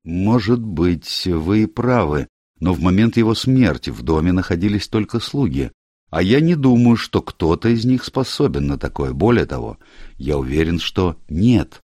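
A man's voice: sits low, very animated, moderate pace, dark tone, no echo, studio quality, pitched above the performer's own voice. A man voicing a tired, cautious older lawyer in an audiobook, probing and careful in his questions. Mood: weary, cautious. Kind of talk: audiobook character reading.

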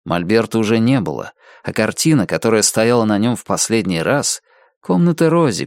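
A man reads the story aloud in a steady, measured way, with a mid-range voice that is neither high nor low. He sits close to a studio mic. The sound is dry, with no room echo. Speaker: audiobook narrator. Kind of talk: scripted audiobook narration.

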